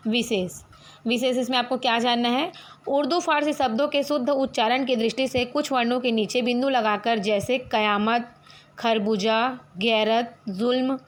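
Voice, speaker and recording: High-voiced woman teaching a grammar lesson. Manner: explains step by step, asks and answers her own questions; spells out sounds slowly, one at a time.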